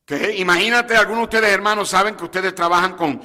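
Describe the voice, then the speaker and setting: A man's voice: high voice, fairly even intonation, quick pace, bright, forceful tone. A man preaching a sermon as a pastor to his congregation, asking them questions and slipping English words into his talk. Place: church sanctuary. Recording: long hall reverb.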